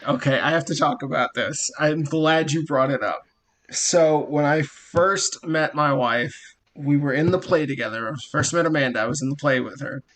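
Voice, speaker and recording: A man in his thirties co-hosting a casual podcast chat, telling lively stories and laughing at his own tales. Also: fairly high pitch, moderate pace. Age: 30s. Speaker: podcast co-host.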